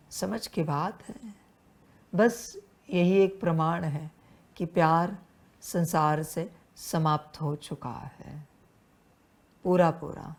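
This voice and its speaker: A woman preaching a devotional sermon in a slow, unhurried way, with a voice that sits a little low. She addresses her listeners as children and returns again and again to rhetorical questions and refrains. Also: a little mellow. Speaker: spiritual teacher.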